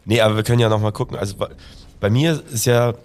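A man's voice: on the low side, steady tone, quick pace, a little mellow, a little hiss or hum. A man, chatting casually as a player in a tabletop role-playing game.

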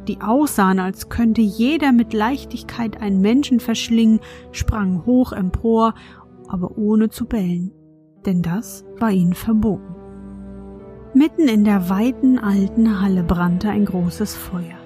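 Gentle woman whispering a bedtime story. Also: mid-range voice. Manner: soft and gentle, addresses a child. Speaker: fairy-tale podcast host.

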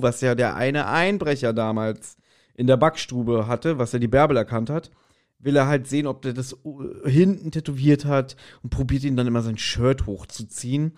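In a relaxed podcast chat, a man co-hosting the show recounts an audio drama episode, performing the quotes himself along the way. His voice is medium-pitched and a little mellow.

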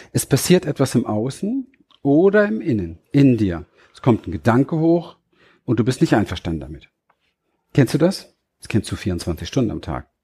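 A man who trains coaches, giving a motivational talk straight to the listener, slow and deliberate, checking in with short tag questions. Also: on the low side, warm tone, breathy edge. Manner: addresses listener directly, frequent tag questions.

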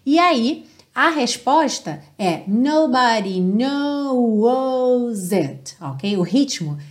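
A woman with a fairly high voice and a tongue, teaching English pronunciation. She talks at an unhurried overall pace, rushing through explanations and then slowing right down to repeat and half-sing English phrases. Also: expressive. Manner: explains quickly, then repeats English lines slowly and sings them. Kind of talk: pronunciation lesson with sung and spoken examples.

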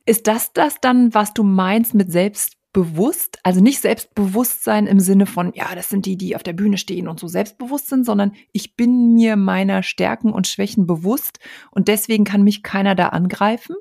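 A woman interviewer talks casually and works through her questions at length. Her voice has a gravelly fry to it at a middle pitch. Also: moderate pace, few pauses, mellow. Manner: thoughtful, asks long searching questions. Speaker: interviewer, host.

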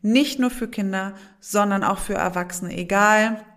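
Thoughtful woman explaining calmly. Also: mid-range voice, measured pace. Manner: thoughtful, acts out soothing phrases to children. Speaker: guest, childhood educator and resilience trainer. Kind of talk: conversational podcast interview.

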